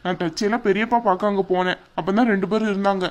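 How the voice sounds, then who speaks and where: A woman's voice: mid-range voice, fairly even intonation, very fast, darkish tone, natural voice. Woman voicing a sulking, heartbroken young husband. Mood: bitter. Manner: weary, pleading to be left alone. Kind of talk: cartoon drama dubbing.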